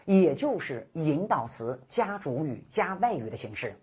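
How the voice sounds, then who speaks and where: Female English teacher, low and very husky voice, emphatic, chummy lecturer; dull lo-fi recording. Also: very animated, unhurried. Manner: emphatic, drills students with rhetorical questions; slangy and chummy with viewers. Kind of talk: online grammar lecture.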